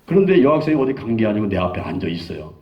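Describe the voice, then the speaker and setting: Animated Korean pastor in his sixties. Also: lowish voice, racing. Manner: animated storytelling, acting out quoted dialogue. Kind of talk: sermon testimony. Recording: dull lo-fi sound.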